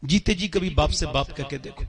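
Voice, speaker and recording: A man with an Indian Urdu accent preaching a sermon, telling stories and speaking straight to the audience, often dropping to a soft low voice. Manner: storytelling, addresses the audience directly.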